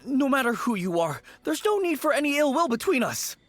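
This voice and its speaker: A man's voice: very high voice, big pitch swings, fairly quick, fairly bright tone, faint music behind, exaggerated voice. A man voicing a timid young male apprentice undertaker who stammers and speaks in a nervous, overly formal way, in game voice acting.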